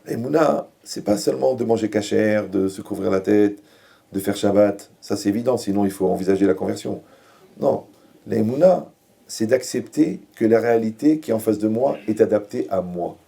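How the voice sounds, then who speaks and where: A male rabbi delivering a Torah lecture in a humorous, conversational way, often checking whether listeners follow. His voice is gravelly and husky. The tone is dark and mellow. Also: lowish voice, normal speed. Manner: joking, asks rhetorical questions.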